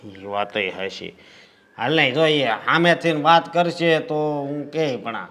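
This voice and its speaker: A man's voice: mid-range voice, animated, takes it slowly, fairly bright tone. A man acting as a worn-out husband who grumbles and hesitates. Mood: weary. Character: weary husband worn out by his wife's demands.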